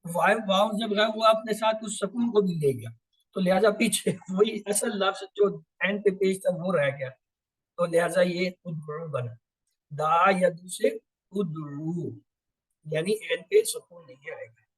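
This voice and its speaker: A man with a high voice gives a step-by-step grammar lesson on the Quran. He asks his own questions and answers them, drawing out each Arabic drill word slowly. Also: slightly rough, poor audio. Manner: draws out and repeats Arabic drill words slowly.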